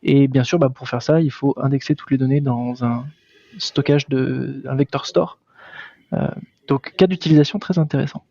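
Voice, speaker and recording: A man's voice: medium pitch, steady tone, moderate pace, gravelly, warm tone, no room sound. A man explaining his work in a casual tech discussion, thoughtful with frequent fillers. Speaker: guest developer. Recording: dry, dull lo-fi sound.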